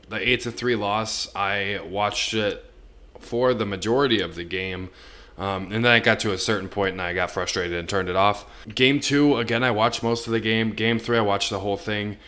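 A man's voice: fairly low pitch, fairly bright tone. An American man co-hosting a podcast, chatting casually about sports. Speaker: podcast co-host.

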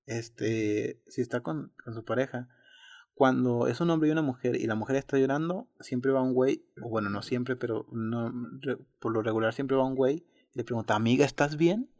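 A man with a Mexican Spanish accent talks casually and animatedly, with lots of slang and restarts. His voice sits at a middle pitch. The recording is dry and close, with no room sound. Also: normal speed, darkish tone, no echo. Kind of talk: casual chat.

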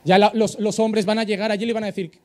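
A man with a Spain Spanish accent preaches a sermon as a pastor. His voice sits unusually high for a man, and he delivers it animatedly, acting out the people he quotes. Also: flat delivery, fast talker, a little mellow.

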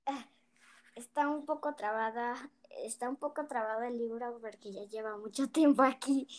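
A child slowly reading a picture book aloud, with small hesitations and restarts. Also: female voice, a little high, steady tone, darkish tone. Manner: slow, careful reading with little hesitations. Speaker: young storyteller.

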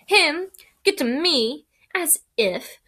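A hot-headed teenage boy, indignant and defensive, in a storybook reading, played by a woman. He bristles and snaps back with a lifted, louder voice. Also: a little high, normal speed, natural voice. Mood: scornful. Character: hot-tempered teenage schoolboy, quick to bristle.

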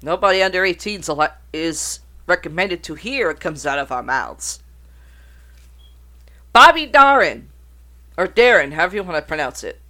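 A podcast host reads notes on banned songs, then breaks off to swear and joke in casual, uncensored talk. The voice is medium-pitched, bright and forceful, moving briskly with hardly any pauses.

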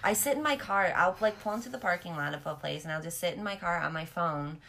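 Casual female chat voice, lowish, lisping, with vocal fry; candid and self-deprecating. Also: lively intonation, fast, pushed and bright, a little hiss or hum. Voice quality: lisp.

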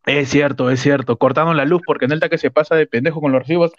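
Picture a man hosting a loose, comedic radio show, cracking jokes and breaking into laughter. His voice sits a little high. The recording sounds dull and lo-fi. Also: fairly even intonation, fast. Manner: joking, mock shouting, frequent laughter. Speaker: host. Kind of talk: casual comedic radio chat.

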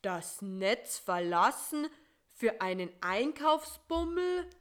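A woman's voice: medium pitch, expressive, takes it slowly. Drowsy know-it-all spider, voiced by a woman. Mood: sleepy. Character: sleepy, fearful male spider, a know-it-all homebody.

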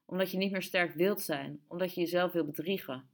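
A woman's voice: fairly low pitch, a little fast, lightly acted. A woman voicing a weary young woman who pours out her reasons in a long, tired flood. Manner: long tired pleading outpouring.

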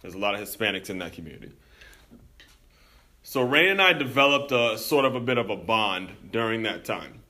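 Bright-voiced man telling his story. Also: lowish voice, expressive, a little fast. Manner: earnest and reflective, addresses listeners as teammates. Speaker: podcast host. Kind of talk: personal storytelling monologue.

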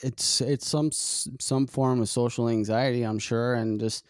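A man hosting a podcast, talking in a halting, reflective way with many fillers and restarts. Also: medium pitch, steady tone, no room sound, studio quality. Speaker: podcast host. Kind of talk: casual conversation.

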